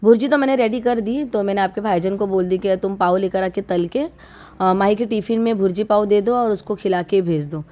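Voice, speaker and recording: An unwell woman in her thirties talks to her vlog audience from home. Her voice is dark and mellow, held at a middling pitch. She chats on in a heartfelt, confiding way. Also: a little fast. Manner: chatty and heartfelt, speaks straight to viewers. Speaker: vlogger. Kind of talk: casual vlog talk to viewers.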